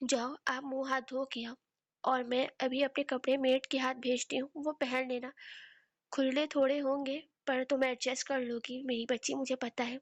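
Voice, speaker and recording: A woman's voice: high-pitched, little pitch movement, no echo, lo-fi sound. A woman reading as a tender, soothing mother. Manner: soft, soothing, affectionate. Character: tender middle-aged mother comforting a frightened girl.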